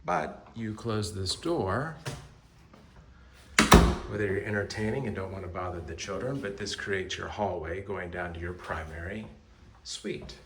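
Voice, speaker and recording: A man's voice: low voice, unhurried. A man speaking as a real estate agent on a walk-through home tour, with polished, appreciative sales talk about each feature. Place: indoors, walking through rooms of a house. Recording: echoey rooms with faint background noise.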